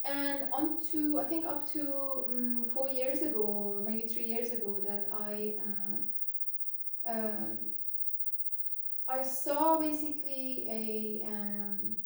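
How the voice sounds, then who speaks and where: A woman from Iran, a guest in an interview, speaking thoughtfully with frequent pauses, fillers and restarts. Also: fairly high pitch, warm tone. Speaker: interview guest, complexity scientist. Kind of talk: reflective conversational interview. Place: campus room. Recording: roomy echo, mic at a distance.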